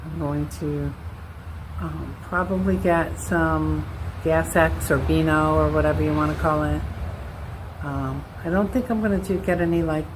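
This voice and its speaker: A woman's voice: deep voice, steady tone, a little slow, noisy background. A woman, talking in a candid, rambling, self-deprecating way in a casual personal vlog. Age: 60s. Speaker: vlogger.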